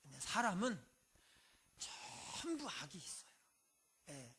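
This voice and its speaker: Pastor giving a sermon, bright forceful voice, chatty, keeps saying yes, swings loud then quiet. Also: mid-range voice, big pitch swings, slow pace, slightly rough. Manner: conversational preaching with frequent "yes" affirmations.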